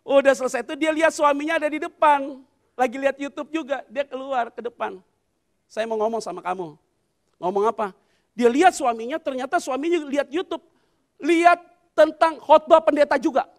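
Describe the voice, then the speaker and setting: High-voiced male pastor preaching. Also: fairly quick. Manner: storytelling sermon that acts out dialogue and calls on the congregation to respond. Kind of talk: sermon.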